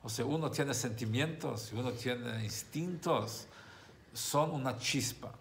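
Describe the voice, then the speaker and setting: Gravelly-voiced rabbi teaching. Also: male voice, medium pitch, a little slow, slight background noise. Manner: explains by repeating and rephrasing his points. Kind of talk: religious text class with storytelling.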